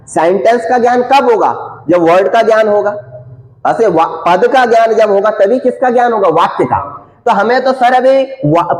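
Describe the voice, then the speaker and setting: A man's voice: high-pitched, reverberant. A man teaching Sanskrit grammar in a lecture, asking questions over and over and answering them himself.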